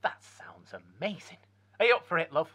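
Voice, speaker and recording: A man playing a hapless, flustered husband who stammers, with a husky voice. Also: fairly high pitch, wildly swooping pitch, normal speed, a bit bright, exaggerated voice.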